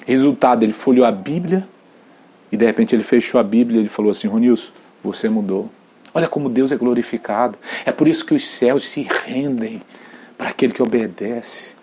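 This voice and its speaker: Husky Brazilian male pastor, earnest sermon delivery, whisper-soft to loudly emphatic. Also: medium pitch, a little fast. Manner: earnest testimony, drops to near whispers, climbs to loud emphatic peaks.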